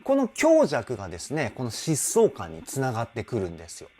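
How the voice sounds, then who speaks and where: A man working as a vocal trainer, explaining singing technique in an enthusiastic, animated way. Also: medium pitch, a little fast, background noise. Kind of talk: reaction and vocal analysis commentary.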